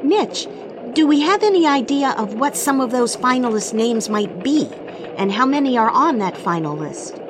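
A woman playing a cheerful Christmas elf who reports the news on radio, earnest and excitable. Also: high-pitched, moderate pace, noisy background. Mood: curious.

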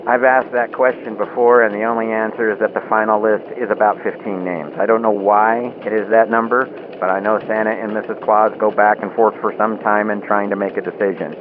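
A man's voice: fairly low pitch, flat delivery, fairly quick, few pauses. Man playing a tinny-sounding Christmas elf field reporter. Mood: earnest. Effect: radio link filter. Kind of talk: mock live radio news report. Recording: tinny phone-like radio link, very noisy.

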